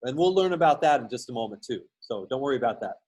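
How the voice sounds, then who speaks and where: A male instructor giving a recorded lesson while sharing his screen, explaining patiently and often pausing on fillers and restarts. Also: medium pitch, animated, darkish tone, breathy edge, dull audio. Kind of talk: recorded lecture with screen share.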